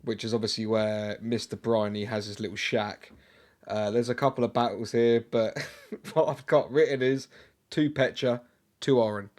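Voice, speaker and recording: A man co-hosting a podcast, relaxed and casual, moving the talk on to the next part. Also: mid-range voice, normal speed. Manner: laid-back, steers the talk to the next part. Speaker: podcast co-host. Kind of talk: casual chat.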